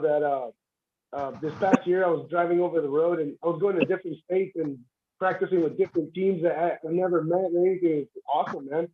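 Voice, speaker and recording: This armwrestling competitor, a guest on a casual livestream, tells the story of how he began armwrestling, stumbling through restarts and fillers. His voice leans high, and the dull lo-fi stream audio carries a little hiss or hum.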